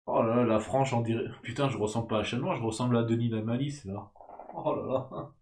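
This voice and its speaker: A man's voice: medium pitch, brisk, a little mellow, echoey room. A young man casually commenting on a game he is playing, rambling and swearing with self-mocking asides, into a desk mic at home. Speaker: gaming YouTuber. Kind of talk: casual let's-play commentary. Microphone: desk mic without headset.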